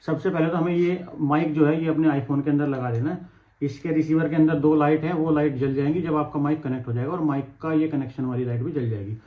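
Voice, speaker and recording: Fast-talking man demoing gear. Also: a little high, fairly even intonation, no echo, phone-quality sound. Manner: chatty, explains step by step while handling gear. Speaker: tech reviewer vlogger. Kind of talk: casual product demo. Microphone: wireless clip-on mic.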